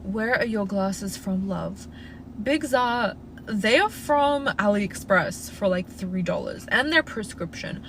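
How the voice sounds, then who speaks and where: Sitting in a parked car with constant engine-like noise in the background, this young Australian livestream host, Russian by first language, fields viewer questions in a relaxed Q&A. She talks slowly in a mid-range voice, sprinkling in plenty of "like" fillers while offering chatty, comforting advice.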